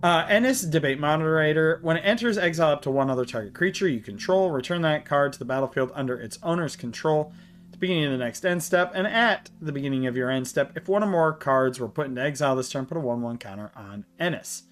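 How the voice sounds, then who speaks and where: A slightly high-voiced man walks through a card game deck, reading each card's text aloud with frequent pauses and fillers. He sounds short of breath as he talks. Soft music plays faintly behind him. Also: lively intonation. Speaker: card game channel host. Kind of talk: deck tech walkthrough.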